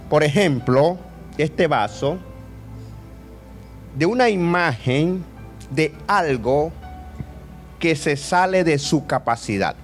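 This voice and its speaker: A man in his fifties preaching a sermon in a lively way, joking and asking the audience questions. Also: fairly high pitch. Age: 50s.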